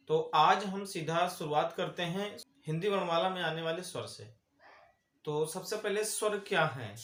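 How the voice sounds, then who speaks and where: A man's voice: fairly high pitch, fairly bright tone. A man teaching a grammar lesson, who repeats each definition and asks and answers his own questions. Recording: echoey room.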